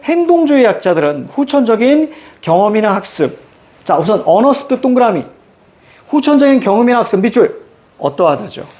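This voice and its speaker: A middle-aged man teaching a reading lesson in a classroom, directing students step by step on what to underline and circle. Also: high voice. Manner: animated, directive, drills students on reading steps. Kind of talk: classroom lecture. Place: classroom with blackboard.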